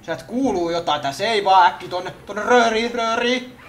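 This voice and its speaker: A young man hosting comedy gaming clips, excitable, often shouting and laughing. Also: sits high, distant mic. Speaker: channel host.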